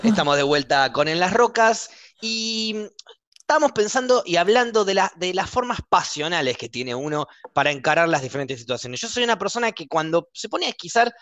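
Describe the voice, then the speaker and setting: With an Argentine Spanish accent, a man hosts a casual podcast chat, very animated and emphatic, always quick to argue. His voice sits high with a fairly bright tone, and the recording is dry.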